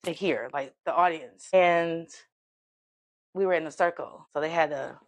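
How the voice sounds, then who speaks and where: A woman guest telling her life story in a casual, animated way, her voice jumping high when excited. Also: unhurried.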